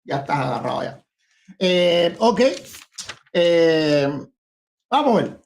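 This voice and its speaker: A man's voice: on the high side, animated, takes it slowly, creaky. Fiery, combative man debating. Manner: combative, rising to shouts, mocking opponent. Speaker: pastor in a debate. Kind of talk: heated debate rebuttal.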